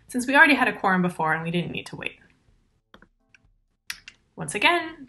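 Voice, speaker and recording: A woman in her thirties giving a recorded conference talk over slides, explaining technical steps clearly and methodically into a laptop mic. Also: mid-range voice, bright, forceful tone. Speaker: conference presenter.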